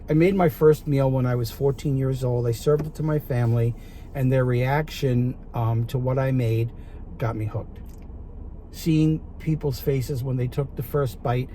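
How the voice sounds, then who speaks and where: A man's voice: mid-range voice, dark tone, slight background noise. A man with a Brooklyn accent, chatting casually as an interview guest and telling stories in a car. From Brooklyn, New York. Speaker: guest chef and TV product presenter. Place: inside a parked car.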